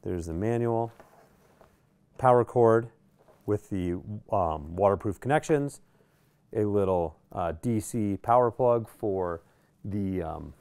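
In an indoor radio workshop, a middle-aged American man unboxes and presents a product casually, thinking aloud as he talks. His voice is deep with a darkish tone.

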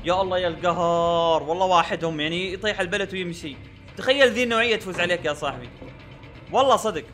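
A man's voice: high-pitched, very fast, a bit bright, faint music behind. A young man giving gameplay commentary, exasperated and repeating himself with frequent oaths. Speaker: gaming YouTuber.

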